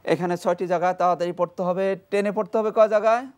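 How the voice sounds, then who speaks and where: A Quran reading teacher leading a televised class, repeating each syllable slowly and emphatically and explaining where the tongue and throat form each sound. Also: medium pitch, fairly even intonation, darkish tone. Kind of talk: televised call-and-response recitation class.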